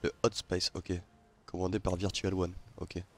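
A man's voice: low-pitched, flat delivery, faint music behind. A man with a French accent chatting casually and joking with friends while streaming a game, swearing often. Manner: fast, rambling, laughs often. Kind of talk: casual gaming chat with friends.

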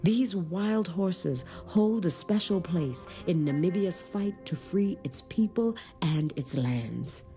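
A woman's voice: fairly low pitch, expressive, slow, hardly any pauses, warm tone, soft background music. A woman reading scripted narration for a nature documentary.

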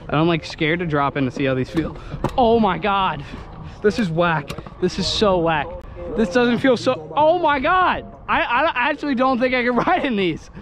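A man's voice: high-pitched, lively intonation, moderate pace, a bit bright. A young man filming himself at an outdoor skatepark on an action camera, chatting casually, swearing and laughing at himself. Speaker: scooter rider filming himself. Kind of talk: casual self-filmed vlog commentary. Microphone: action camera on handlebars. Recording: noisy outdoor camera audio.

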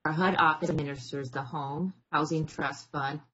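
A woman's voice: deep voice, fairly even intonation, a bit bright, highs cut off, slight background noise. Woman on choppy, cutting-out call audio. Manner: halting, with fillers and restarts. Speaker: division director. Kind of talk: webinar introduction over a call. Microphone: home computer, no headset.

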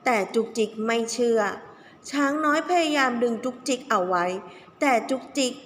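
Stretching out the key words for young listeners, a kindergarten teacher reads a story with expression in a somewhat bright, high-leaning voice. Her intonation is lively and her speed normal, and the room sounds echoey with low background noise.

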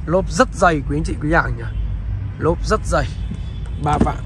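A man's voice: a little high, normal speed, noisy background. A man narrating a used car sales walkaround, in a dealer's patter that keeps politely addressing the viewers. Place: outdoors beside and inside a car on a roadside.

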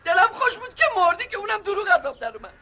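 Fed-up wife, scolding, bitter, very high voice, bright. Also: female voice, big pitch swings, slight background noise, exaggerated voice. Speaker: wife and mother. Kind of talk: comic TV series acting.

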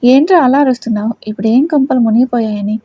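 Lady doing a mean scheming mother-in-law, scornful, fairly high voice, dry sound. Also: fast, husky, no room sound, highs cut off. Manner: taunting, contemptuous.

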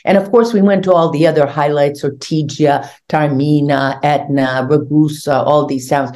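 A woman's voice: low-pitched, moderate pace. An older woman, born in Hungary, talking animatedly as an interview guest over a video call from her home. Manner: animated storytelling, gesturing with hands. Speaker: guest, tour organizer. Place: home room indoors. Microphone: video call webcam.

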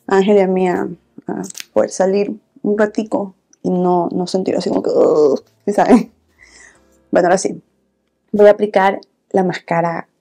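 A woman in her thirties talking softly and intimately, in a casual makeup-vlog chat. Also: vocal fry. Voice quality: soft-spoken. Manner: soft, low-volume talking, intimate. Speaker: beauty vlogger, host. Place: small indoor room, filming setup.

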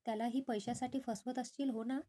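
A woman's voice: a little high, steady tone, fairly quick, mellow, lightly acted. A woman voicing a stern, wealthy older father who speaks scornfully and accuses.

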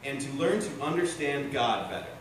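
A man's voice: medium pitch, big pitch swings, moderate pace. A young man officiating a wedding, reading ceremony vows aloud in a church. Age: young adult. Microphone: distant camera. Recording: echoey church, distant mic, loud ambient noise.

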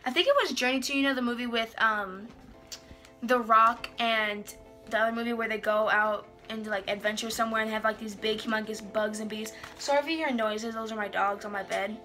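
A woman's voice: fairly high pitch, steady tone, fairly quick, bright, forceful tone, faint music behind. A teenage young woman reading aloud casually and adding amused, self-deprecating asides. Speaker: vlogger. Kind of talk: casual reading aloud from old journal with commentary. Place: small bedroom, indoors.

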